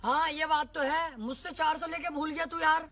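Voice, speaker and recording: A man performing a comic sketch, teasing his friends with quick comebacks. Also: extremely high pitch, steady tone. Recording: noisy phone-video recording.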